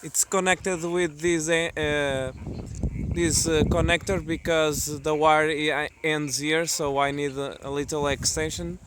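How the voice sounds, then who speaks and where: A man's voice: fairly high pitch, fairly even intonation, background noise. A man who is not a native English speaker gives a casual, hesitant hobbyist video demonstration outdoors in the countryside. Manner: hesitant, halting delivery. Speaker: amateur radio hobbyist presenting a video. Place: outdoors in the countryside among trees.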